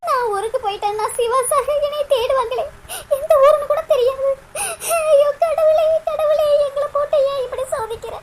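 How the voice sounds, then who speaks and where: A woman's voice: very high-pitched, brisk, pauses often. A woman voicing a heartbroken young woman in a cartoon, sobbing and pleading in Kanyakumari Tamil. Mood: heartbroken crying. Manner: sobbing, pleading, repeats her words. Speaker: cartoon character. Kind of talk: cartoon voice acting.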